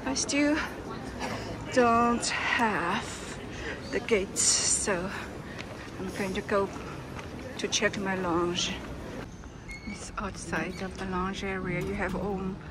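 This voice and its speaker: A woman narrating a casual walking tour as a travel vlogger, speaking in slow, halting, simple phrases while walking through a large airport terminal on a camera mic. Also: medium pitch. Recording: busy terminal noise behind.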